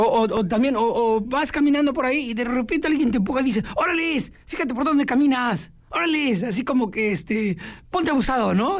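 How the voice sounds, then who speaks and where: Mexican lady radio host, kinda high voice, swoops up and down a lot, chatty. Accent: Mexican Spanish. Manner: chatty, animated, acts out voices in quotes. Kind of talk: casual radio chat.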